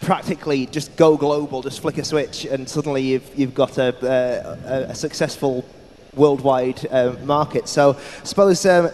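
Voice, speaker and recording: A man moderating a panel discussion, halting and full of fillers. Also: medium pitch, fairly even intonation, darkish tone. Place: conference hall. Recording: echoey hall, faint background noise.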